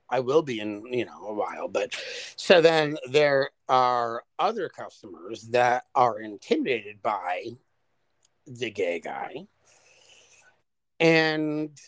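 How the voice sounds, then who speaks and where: A man's voice: mid-range voice, slow, dry recording. Man co-host, chatty and dramatic, mid-range voice, dry close recording, swears freely. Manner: animated, profane, exaggerated storyteller. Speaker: podcast co-host. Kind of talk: casual chat.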